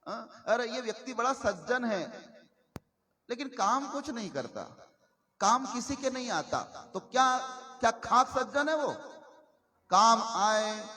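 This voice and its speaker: High-voiced male preacher in echoing hall. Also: expressive, pushed and bright. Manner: measured, emphatic, repeats key phrases. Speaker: religious preacher. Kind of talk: devotional sermon with storytelling. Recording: reverberant hall with faint music.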